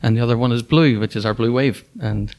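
A man's voice: medium pitch, quick pace, darkish tone. A man in his fifties with a Northern Irish accent, a school superintendent answering questions in a casual interview, talking with many fillers and restarts. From Northern Ireland.

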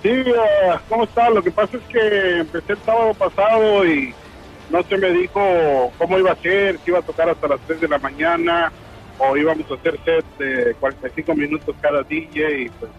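A man's voice: on the high side, a little fast, faint music behind. A man, a DJ getting defensive and indignant on a phone call aired on the radio. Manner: defensive, insistent, increasingly indignant. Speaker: DJ, prank call target.

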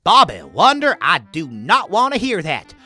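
A woman's voice: lowish voice, wildly swooping pitch, a little slow, pushed and bright, husky, soft background music, full character voice. A woman voicing a boastful alien sidekick who fancies himself a great actor, grand and bossy in a children's audio drama. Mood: grandiose.

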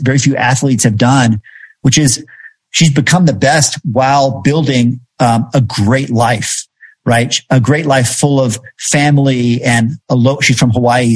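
A man's voice: medium pitch, slightly rough. A man in a podcast interview, telling a story in a reflective way with frequent fillers. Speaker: podcast host and guest. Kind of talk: conversational storytelling.

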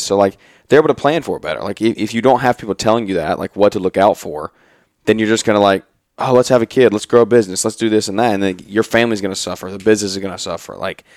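A man in his twenties, co-hosting a podcast with his spouse at a trade expo, talks in loose run-on sentences. He keeps restarting and saying "like" as the casual conversation rambles on. His voice is on the low side and slightly mellow, captured in studio quality with no echo.

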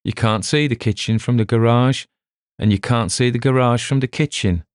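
A man voices a lazy, foul-tempered police detective who grumbles and blusters coarsely. At a medium pitch and normal speed, he pitches slightly above his own voice while staying close to an everyday tone, recorded dry in a clean studio.

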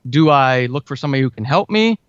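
A man's voice: mid-range voice, lively intonation, fast talker, a bit bright, dry recording. A man speaking as a podcast guest, giving informal, conversational advice step by step in a casual interview. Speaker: podcast guest, writer and audio drama podcaster. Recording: dull, lo-fi, dry close sound.

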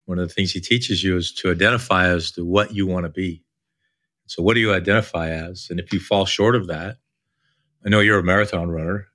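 An older man hosts a coaching podcast in an informal, explanatory way. His voice sits low and has a bright, firm edge. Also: steady tone, a little fast. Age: older, baby boomer. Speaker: podcast host and leadership coach.

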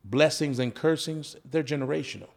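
A man's voice: fairly high pitch, normal speed, vocal fry. A man who is a former coach, talking as a podcast guest in an earnest, preacher-like way, often asking rhetorical questions. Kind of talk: conversational storytelling with preaching.

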